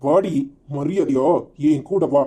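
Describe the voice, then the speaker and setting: A voice actor playing a scheming married man in a cartoon, with a Tirunelveli Tamil accent and a husky, coaxing then bullying manner. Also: mid-range voice, slow pace, mellow. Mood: menacing. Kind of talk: cartoon voice acting.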